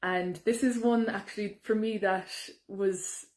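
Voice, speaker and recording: A woman's voice: medium pitch, fairly even intonation, unhurried, darkish tone. Young woman, chatty and bubbly, live-stream q&a, lots of ums. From Ireland. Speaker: singer hosting a fan Q&A. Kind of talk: casual live-stream chat. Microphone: phone or webcam on a live stream.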